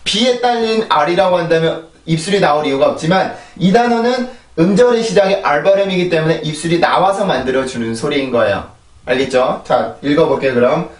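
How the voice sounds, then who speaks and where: Male pronunciation teacher, fairly high voice, slightly distant from the mic, patient drills. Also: a little fast. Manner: explains patiently and models words by repetition. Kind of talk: pronunciation lesson. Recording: echoey room, voice a bit off-mic.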